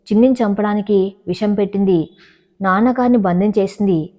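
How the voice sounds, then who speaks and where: Woman voicing a calm, grave young husband. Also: medium pitch, lightly acted. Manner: grave and measured. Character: calm grown son, firm husband. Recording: dull lo-fi recording.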